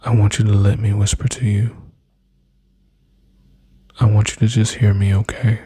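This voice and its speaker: Close to the microphone, a man whispers and murmurs in a low, breathy voice with a level tone, playing a soothing boyfriend in an ASMR roleplay. He talks gently and slowly to the listener, and the recording is dry.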